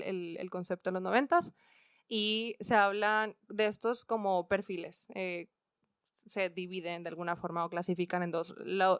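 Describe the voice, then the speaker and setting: A woman's voice: medium pitch, clean tone, dry recording, studio quality. A woman with a Mexican accent, a coach and podcast guest, explaining ideas thoughtfully with frequent fillers. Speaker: guest, work and education coach. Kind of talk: conversational podcast interview.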